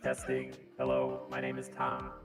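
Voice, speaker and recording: A deadpan male robot drones in a voice pushed down to an extreme low. The pitch barely moves, so every line sounds like one dead-level tone. Loud music plays behind him. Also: normal speed. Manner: flat and monotone. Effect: voice changer making a deep robot voice. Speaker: stream chat guest. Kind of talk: joking livestream banter. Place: joining remotely by voice chat.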